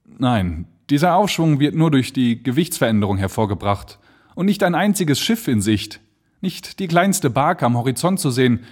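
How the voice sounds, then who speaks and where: A man's voice: medium pitch, animated, moderate pace, voice pushed up, natural voice. A man voicing a male balloonist who gives urgent commands in a raised voice. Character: male balloonist, desperate but resolute.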